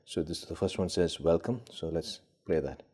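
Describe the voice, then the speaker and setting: This gadget collector and video host speaks in a low, dark, slightly husky voice at normal speed. Working through a casual hands-on demo, he comes across as hesitant and unscripted, as though thinking out loud.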